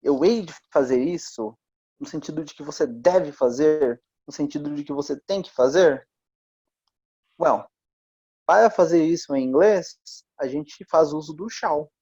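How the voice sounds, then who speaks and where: A man's voice: fairly high pitch, measured pace, mellow, slightly rough, no echo. Man, English teacher, chatty explainer, dull lo-fi recording, dry sound. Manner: chatty, checks in often with listeners. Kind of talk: explaining grammar in a class.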